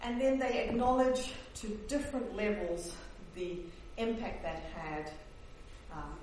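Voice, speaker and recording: Presenting her book in a very echoey hall, a woman academic from the Netherlands, raised in New Zealand, speaks hesitantly with many fillers and restarts. Her mid-range voice is darkish and measured, picked up by a distant mic with faint hiss.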